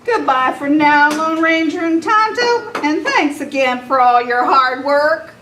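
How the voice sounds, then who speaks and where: A woman's voice: high-pitched, expressive, unhurried, pushed and bright, full character voice. A woman playing a folksy, grateful frontier sheriff in an old-time radio western. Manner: folksy, plainspoken western talk. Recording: echoey meeting room, distant mic, faint noise.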